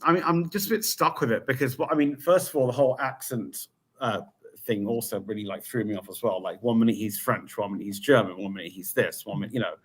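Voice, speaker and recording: A man's voice: on the low side, fast talker, breathy edge. A man co-hosting a review podcast, chatting casually with many fillers. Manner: chatty, full of fillers like "you know". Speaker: podcast co-host.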